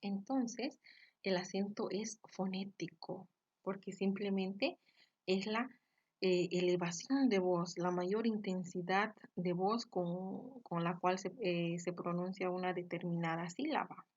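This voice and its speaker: A woman's voice: lowish voice, steady tone, takes it slowly, darkish tone, muffled recording. A woman teacher from Peru giving a grammar lesson, explaining patiently, stressing example words and checking in with short tag questions.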